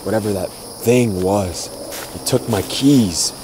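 A young man playing a frightened guy stranded in dark woods in a found-footage horror film, talking to camera in a panicked, breathless, hushed way. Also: on the low side, takes it slowly. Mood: scared, hushed. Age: young adult. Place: outdoors in woods at night. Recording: noisy outdoor camera sound.

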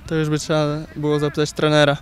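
A young footballer in his twenties answering interview questions outdoors beside a pitch, halting with many repeated words. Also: completely flat delivery. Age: 20s. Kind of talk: post-training interview. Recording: faint outdoor noise.

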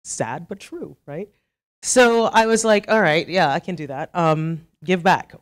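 A fairly low-pitched, slightly slow voice belongs to this middle-aged Trinidadian woman with a Trinidadian accent, presenting in a conference hall. Her talk is conversational and self-deprecating, with plenty of asides.

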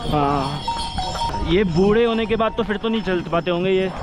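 A young vlogger with a high voice chats casually at a moderate pace while trekking up a mountain on horseback. His travel narration often bursts into exclamations.

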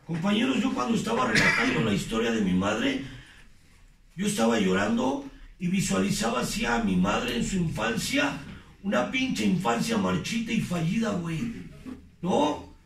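A man with a Mexican Spanish accent giving an impassioned, profane testimony at a recovery group meeting, often shouting. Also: high voice, huge pitch swings, normal speed, vocal fry, roomy sound, recorded from a distance.

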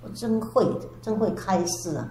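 An older woman, a Buddhist nun, giving a storytelling dharma lecture with drawn-out sentence particles. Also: medium pitch, mellow. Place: temple lecture hall. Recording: echoey hall with faint background hiss.

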